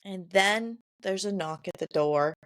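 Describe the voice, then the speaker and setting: A woman's voice: medium pitch, measured pace, fairly bright tone, no echo, clean studio sound. A woman co-hosting a podcast, casually retelling book chapters and quoting characters in a chatty way. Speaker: podcast co-host.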